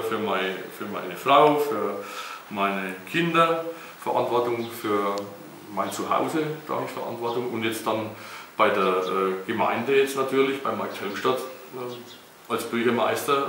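A middle-aged man speaks as a mayor in a bright, forward voice, pausing often on filler sounds and checking in with tag questions. He is picked up from a distance in an echoey room, with faint noise underneath. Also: lowish voice. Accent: German. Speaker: mayor interviewed by schoolchildren. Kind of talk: casual interview answers.

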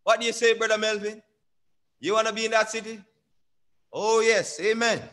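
A man's voice: high voice, level tone, fairly bright tone. A young man preaching a sermon from a church pulpit, drawing out key words and quizzing the congregation. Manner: call-and-response preaching, drawn-out emphatic lines, asks the congregation. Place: small church sanctuary at a pulpit. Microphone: pulpit microphone on a stand.

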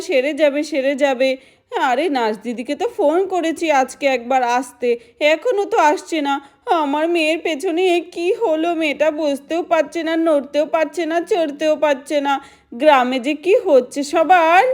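A woman's voice: sits high, moderate pace, darkish tone, lightly acted. A woman voicing a worried village mother who complains and gossips about the neighbours. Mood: fretful. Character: fretful village mother of a sick girl.

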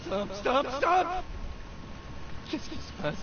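A man's voice: very high voice, very animated, takes it slowly, heavily acted. A man playing a distraught, impulsive younger brother in a dramatic video game, exclamatory and pleading. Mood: panicked. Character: distraught impulsive younger brother, frightened by his new powers. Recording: muffled game audio with clear noise.

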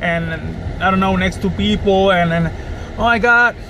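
A middle-aged man, a personal trainer, talking casually to a dashboard camera from his parked car, unhurried and thoughtful. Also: high-pitched. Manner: slow, thoughtful, gestures with hands. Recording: car interior with clear air-conditioning hum.

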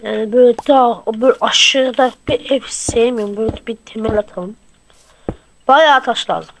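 A woman's voice: on the high side, moderate pace, noisy background. A woman hosting a gameplay channel, chatting casually to viewers and counting blocks aloud as she builds. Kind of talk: casual let's-play commentary.

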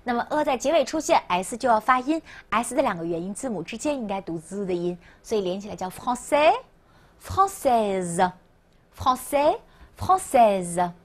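A woman teaching a language lesson, often slowing down to repeat words for learners to copy. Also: medium pitch. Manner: slow, exaggerated repetition of words for learners. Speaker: French teacher.

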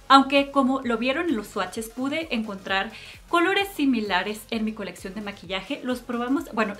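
A woman's voice: fairly high pitch, a bit bright. A woman giving a chatty makeup tutorial and product review, fond of cute diminutives. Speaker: beauty vlogger.

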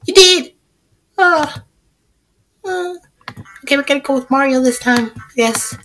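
A woman putting on a silly, squeaky, whiny voice while commentating on a video game. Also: unhurried, a bit bright, slight background noise. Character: squeaky silly high-pitched goofball voice. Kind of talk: gaming commentary.

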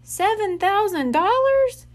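A woman reading aloud as an excitable young boy who asks eager questions. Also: extremely high pitch, slow pace, voice pushed up, exaggerated voice.

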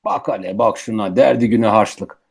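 A man's voice: fairly low pitch, moderate pace, gravelly, darkish tone, husky. A man playing a grumbling but affectionate, folksy old grandfather in a radio drama. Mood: grumpy, baffled. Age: older. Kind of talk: Turkish radio theatre acting.

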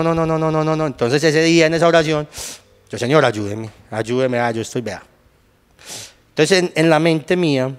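A man's voice: mid-range voice, long reverb tail. A young Colombian man with a Paisa accent, telling his testimony in casual conversation and acting out what he said back then. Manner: animated storytelling, acts out his own past lines. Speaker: guest giving testimony.

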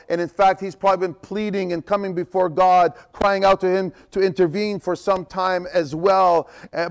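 A man's voice: high voice, smooth. A man preaching a sermon as pastor, reading scripture aloud and acting out a prophet's desperate questions to God, then asking the congregation directly. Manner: dramatic, pleading when voicing the prophet's complaints.

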